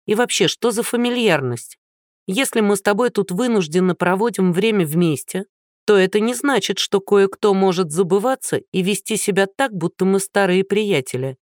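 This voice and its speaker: A woman's voice: mid-range voice, moderate pace, dry recording, studio quality, voice pushed up, lightly acted. A narrator voicing a haughty, short-tempered actress in her thirties who talks down sharply. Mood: indignant. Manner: sharp, condescending.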